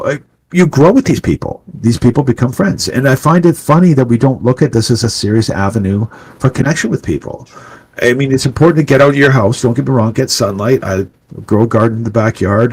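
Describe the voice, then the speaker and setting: A man's voice: medium pitch, a little hiss or hum, poor audio. A man who grew up in Canada, a game developer talking over a video call in a casual interview, earnest and rambling, restarting his sentences. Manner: rambling, earnest, warm-hearted talk with frequent restarts.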